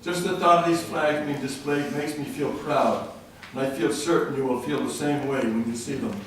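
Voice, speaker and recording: An older man speaks at a council podium, earnest and patriotic, slipping in a joke now and then. His voice sits at an ordinary middle pitch. It is caught from some distance in a very echoey chamber. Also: steady tone, normal speed, a bit bright. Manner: earnest, patriotic, tells jokes. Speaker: public commenter at city council. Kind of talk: public comment speech. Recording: very echoey room, distant mic, faint noise.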